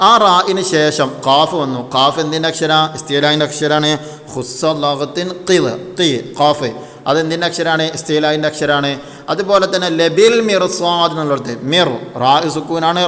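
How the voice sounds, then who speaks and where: A man gives a patient tajweed lesson in a slightly high voice. He keeps posing questions and answering them himself. His voice trails off into a long reverb. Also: a bit bright. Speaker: Quran recitation teacher.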